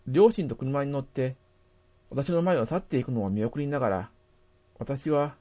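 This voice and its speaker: A man narrating a first-person memory as a steady, measured scripted reading. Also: medium pitch, dull audio.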